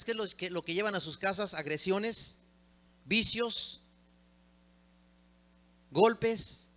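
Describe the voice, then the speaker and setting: Middle-aged male preacher, fairly high-pitched, impassioned sermon delivery. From Mexico. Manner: impassioned, swings from loud emphatic peaks to low quiet drops.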